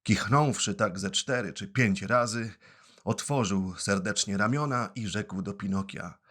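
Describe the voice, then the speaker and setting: A man reading a children's story aloud, slow and expressive. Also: lowish voice. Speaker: actor reading a children's book.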